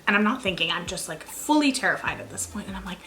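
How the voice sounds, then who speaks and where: A woman's voice: mid-range voice, quick pace, a little hiss or hum, rough recording. Chatty young woman telling a storytime vlog. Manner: chatty, animated, self-mocking storytelling. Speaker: YouTube vlogger.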